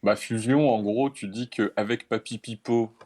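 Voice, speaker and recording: A man's voice: lowish voice, steady tone, unhurried, darkish tone. A man acting as game master, explaining a tabletop game in an informal, easygoing way.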